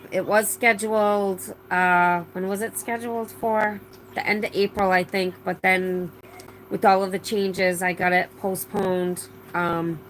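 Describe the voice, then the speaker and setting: Medium in pitch and a bit bright, this middle-aged woman's voice is a little strained after laryngitis as she casually hosts a live stream, reading viewer comments, chatty and rambling with many fillers and restarts. The low-quality recording has slight background noise.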